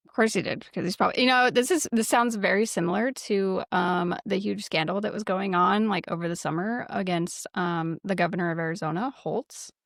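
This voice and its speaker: A woman's voice: medium pitch, brisk, few pauses, no room sound, studio quality. A woman co-hosting a casual political chat, emphatic and freely profane. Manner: profane, emphatic, repeats words for stress.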